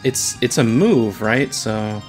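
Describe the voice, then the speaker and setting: A man's voice: on the low side, slow, faint music behind. Casual man playing a tabletop game.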